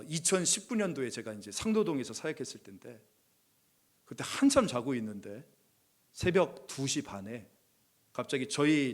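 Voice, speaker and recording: A middle-aged male pastor preaching a sermon, telling stories and rising to loud proclamations. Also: a little high.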